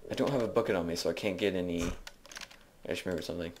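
A man's voice: low-pitched, fast, slight background noise. A man giving casual, jokey commentary while playing a video game, rambling as he narrates what he does. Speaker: video game let's player. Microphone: desk microphone.

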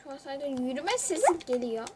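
A young woman chatting excitably to viewers while she plays a computer game. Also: sits high, a little fast, very noisy. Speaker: gamer. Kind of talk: casual gaming commentary.

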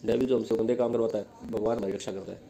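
A man with an Indian accent giving an exam-prep lesson, asking questions and answering them himself, reading English lines slowly. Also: on the low side, fairly even intonation, creaky, warm tone, rough recording. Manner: explains in Hindi, reads English lines slowly. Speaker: teacher.

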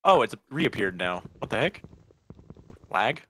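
A man chatting with friends while gaming, quick to giggle and exclaim. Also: lowish voice, sing-song, bright, forceful tone. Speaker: gamer. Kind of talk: casual gaming chat.

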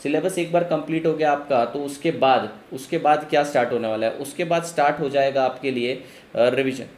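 Chatty Indian tutor on a live stream. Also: male voice, medium pitch, brisk, darkish tone, slight background noise. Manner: reads out viewer names and comments, chatty and teasing. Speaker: online commerce tutor. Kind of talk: casual live-stream chat with students. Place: home room, raining outside. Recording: roomy live-stream audio with faint ambience.

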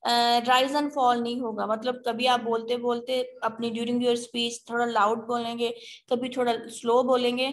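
A woman giving a recorded lecture as a teacher. She reads each English point out slowly and then explains it in quicker, conversational speech. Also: on the high side, little pitch movement.

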